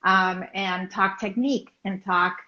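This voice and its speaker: A woman's voice: mid-range voice, fairly even intonation, unhurried, sharp tone. A woman interviewer asking questions in a casual live-streamed chat, encouraging and loose, with many fillers. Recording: roomy, dull live-stream audio.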